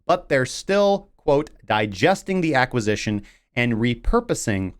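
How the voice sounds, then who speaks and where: A young man reads crypto headlines on his livestream and keeps breaking off into sarcastic jokes and mock voices. His pitch swings widely from line to line, and his middle-range voice stays lively throughout. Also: measured pace. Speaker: crypto news show host. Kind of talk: livestreamed news commentary.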